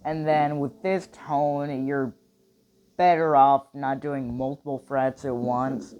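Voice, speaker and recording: A man's voice: mid-range voice, level tone, slow pace, noisy background. A man casually walking through his guitar settings in a rambling, hedging way. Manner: loose, rambling, hedging with "like" and "kinda". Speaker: guitar tutorial host. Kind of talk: casual demonstration. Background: electric guitar playing.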